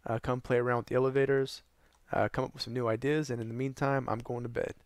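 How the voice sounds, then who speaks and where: A young gaming channel host narrates a gameplay build tutorial in a loose, rambling way, full of ums and uhs. His hoarse, gravelly voice has vocal fry and little pitch movement, and he talks fast yet sounds sleep-deprived and low on energy. The recording is close and dry, with no echo or room sound.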